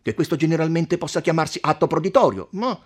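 A man voicing an arrogant young count who shouts and swaggers, in a storybook reading. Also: fairly high pitch, expressive, fast talker, slightly rough, voice pushed up. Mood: swaggering.

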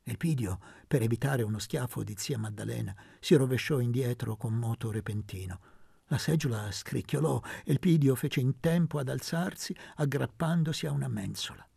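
A man reading a novel aloud as an audiobook narrator, in a measured, steady way. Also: medium pitch, vocal fry, breathy edge, no echo, studio quality. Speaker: audiobook reader. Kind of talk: scripted narration.

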